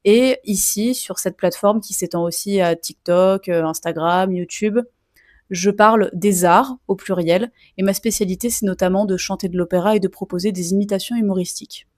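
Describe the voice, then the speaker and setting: A young woman of Sicilian heritage, a mezzo-soprano student, tells a personal story to camera in a chatty way full of asides and fillers. Her mid-range voice has a darkish tone, fairly even intonation and a moderate pace. The studio sound is clean, with no room sound.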